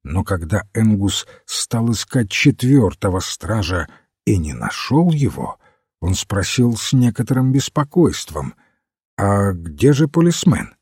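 A man narrating a detective story aloud in an expressive, dramatic manner. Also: fairly low pitch, measured pace, slightly rough, dry recording, clean studio sound. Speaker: audiobook narrator. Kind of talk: scripted narration.

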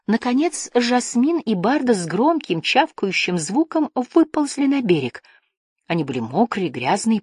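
Audiobook narrator, woman, lowish husky voice, dry close sound. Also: no room sound. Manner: steady storytelling. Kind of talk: scripted narration.

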